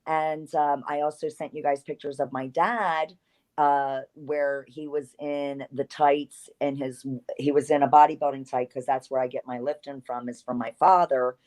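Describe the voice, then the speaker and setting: A woman's voice: sits low, little pitch movement, normal speed, darkish tone. A woman in her fifties from South Jersey with a New Jersey accent, chatting as an interview guest and telling long, rambling stories with easy laughs. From South Jersey, USA. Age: 50s. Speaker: guest, retired wrestler. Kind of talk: casual interview storytelling.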